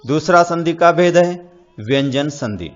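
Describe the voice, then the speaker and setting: A man teaching grammar, dictating definitions in short, measured phrases. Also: a little high, animated. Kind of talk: slow, deliberate classroom explanation. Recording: slightly dull audio with faint music.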